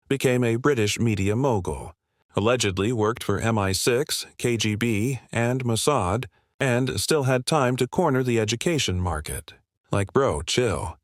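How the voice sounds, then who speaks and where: A man's voice: on the low side, no room sound, studio quality. Sarcastic man in a slangy conspiracy rant. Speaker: comedic ranter. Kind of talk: scripted comedic monologue. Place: voice-over over gameplay.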